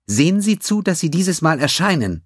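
A man's voice: a little high, big pitch swings, moderate pace, dry recording, studio quality, voice pushed up. A man reading an audiobook, voicing a stern, cold female starship doctor with a clipped manner. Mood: curt.

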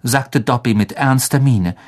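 A man narrating a storybook in a calm, scripted reading. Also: mid-range voice, measured pace. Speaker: audiobook narrator.

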